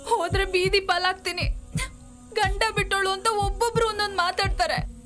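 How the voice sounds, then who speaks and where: A woman acting an unfaithful wife in a comedy drama, scolding her lover in a very high, sharp voice with a Kannada accent. Clear music runs under her lines. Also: little pitch movement, normal speed. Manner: pleading then scolding. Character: unfaithful wife thrown out, panicky and sharp-tongued.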